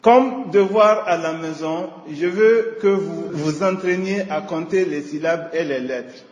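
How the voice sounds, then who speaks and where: A man teaching a scripted radio lesson, speaking in a slow, deliberate teaching manner. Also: fairly high pitch, lo-fi sound, slight background noise. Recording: echoey hall with long reverb.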